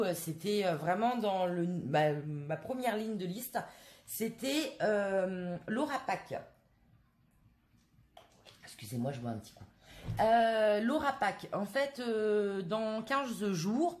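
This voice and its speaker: A woman's voice: medium pitch, darkish tone. A woman from France in a casual haul video, chatting to her viewers with many hesitant fillers. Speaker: craft vlogger.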